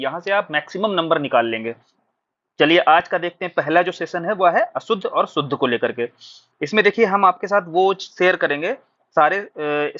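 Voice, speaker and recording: A man's voice: fairly high pitch, pushed and bright. A man teaching a recorded exam-prep lesson, explaining patiently and asking questions before answering them himself. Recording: dull lo-fi recording.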